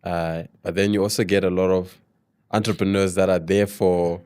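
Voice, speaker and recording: A man hosts an interview in a low voice. He puts his questions casually and conversationally, and the recording is dry and close. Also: little pitch movement, moderate pace, darkish tone, clear, resonant tone, no echo. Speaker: interview host.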